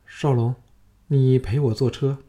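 Storybook empress dowager, cold and scornful, mellow tone , man reads her. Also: mid-range voice, steady tone, unhurried, natural voice. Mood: weary. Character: haughty angry empress dowager, middle-aged woman.

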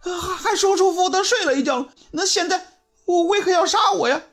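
A man's voice: mid-range voice, very animated, fast, darkish tone, voice pushed down, lightly acted. A man voicing a frantic young male apprentice barber who pleads and cries. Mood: pleading. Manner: pleading, crying in a raised voice.

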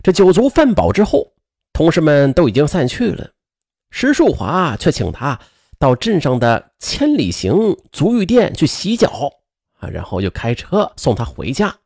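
A man telling a true-crime story in a lively way, full of spoken fillers. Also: on the high side, a little slow, husky, dry recording, clean studio sound.

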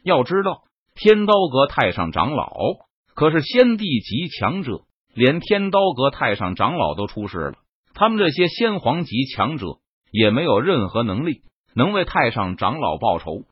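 A man narrating a web novel audiobook in an expressive, dramatic storytelling manner. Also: mid-range voice, moderate pace, slightly rough, dry recording. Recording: dull lo-fi dry recording.

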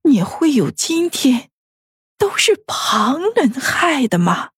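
A woman voicing an aged, stern noble mother who scolds her son in a slow, reproachful, trembling voice in a fan audio drama. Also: high voice, big pitch swings, dry recording, clean studio sound, heavily acted. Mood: stern rebuke. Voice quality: breathy, trembling.

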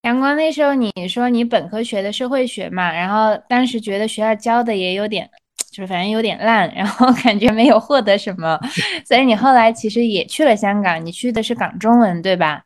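Woman host chatting casually, mid pitched voice, slips in some english words. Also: a little fast. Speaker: livestream host. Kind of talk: casual conversational hosting.

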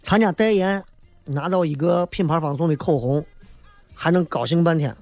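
A man's voice: a little high, moderate pace, no echo, soft background music. A man hosting a talk show, giving a casual comedic monologue in a colloquial, emphatic way, often tossing in rhetorical questions.

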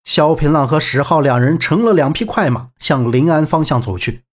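A man narrating a martial-arts audiobook with lively storytelling. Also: on the high side, normal speed.

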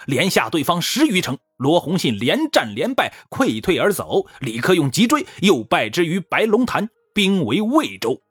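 A man narrating history in a lively, folksy storytelling manner, with dramatic pauses. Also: a little high, no room sound.

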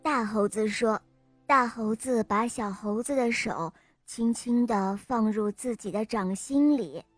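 A woman narrating a children's bedtime story in a slow, gentle, sing-song way. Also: on the high side, dry recording, soft background music.

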